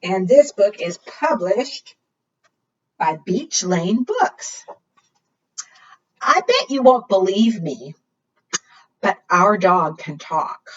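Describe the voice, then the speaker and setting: Drawing out her words and leaving long pauses, a woman reads to preschoolers in a sing-song voice and quizzes them as she goes. Her mid-range voice has lively intonation, and she's the librarian running this storytime. A distant mic leaves the sound dull and lo-fi.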